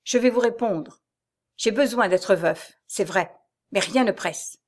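Une femme qui lit un livre audio et prête sa voix à un mari vengeur, moqueur et froidement ironique. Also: female voice, mid-range voice, takes it slowly. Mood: sarcastic menace. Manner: mocking, cold and ironic. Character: sneering vengeful husband, a grown man. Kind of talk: audiobook reading of a serial novel.

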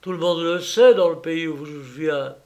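A man voicing a cool, cunning gentleman thief who talks in a slow, sly drawl. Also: a little high.

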